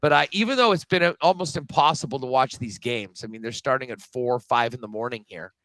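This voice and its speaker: Brief: male betting co-host heard over a video call, dry sound, bright tone, rambling casual delivery. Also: medium pitch, a little fast, no room sound, low-quality recording. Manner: chatty, loose, with frequent um and uh. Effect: remote guest on a video call. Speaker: sports betting podcast co-host. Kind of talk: casual sports betting chat.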